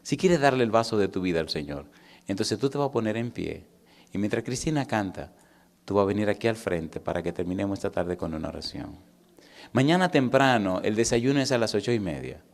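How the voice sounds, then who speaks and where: Middle-aged male pastor, sermon delivery, swings loud to hushed. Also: on the low side, a little fast. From Caribbean. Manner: storytelling, swings from loud and animated to hushed and intimate; asks the congregation questions.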